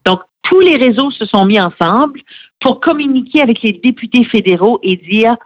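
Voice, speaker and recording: Animated and fairly high in pitch, a middle-aged woman at normal speed speaks on the radio as an interview guest and head of a francophone federation. She explains things earnestly but hesitates frequently, captured on a dry, slightly muffled recording.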